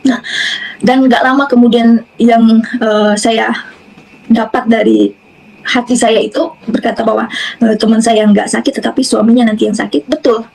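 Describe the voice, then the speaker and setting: A woman from Indonesia recounts her personal faith testimony in a relaxed, conversational manner full of fillers and restarts. Her voice sits a little high, with a gravelly, husky grain. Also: normal speed, long pauses, rough recording. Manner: conversational storytelling with many fillers. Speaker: testimony speaker.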